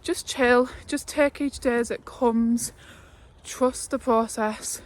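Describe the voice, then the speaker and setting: A twenty-year-old fitness vlogger talks casually to camera while walking uphill, a little breathless, with fillers and laughs. Her voice is fairly high, steady in tone and slow. She's holding the phone at arm's length to record.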